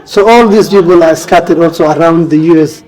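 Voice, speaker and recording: In a low-quality recording, a man with a fairly high, slightly mellow voice talks briskly, his Somali accent evident. He's an interview guest, an author and refugee advocate originally from Somalia and raised in Kenya, who explains earnestly and repeats phrases for emphasis.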